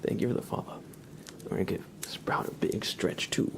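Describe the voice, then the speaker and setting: Hosting a live ASMR stream, a soft-spoken man chats casually with viewers at a moderate pace. He stays close to the microphone and often slips into whispers.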